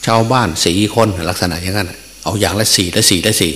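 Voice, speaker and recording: A male Buddhist monk tells a sermon story in a folksy way, full of filler sounds. His voice is deep and low. A long reverb fills the hall, and a faint hum runs behind him. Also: fast talker, fairly bright tone.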